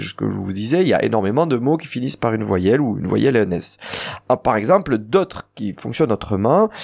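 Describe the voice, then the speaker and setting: A man's voice: medium pitch, gravelly, husky. A man with a southern French accent, teaching an Occitan lesson and explaining pronunciation rules with spoken examples. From southern France. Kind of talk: radio language lesson.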